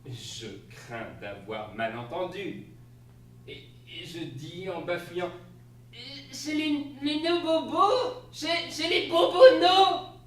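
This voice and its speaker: A man's voice: on the high side, lively intonation, takes it slowly. A man on stage playing a flustered spouse who tells an absurd tale in a comic theatrical monologue. He delivers it in an exclamatory way and laughs through his lines. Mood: flustered, amused. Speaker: stage actor. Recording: echoey stage, distant mic, faint hiss.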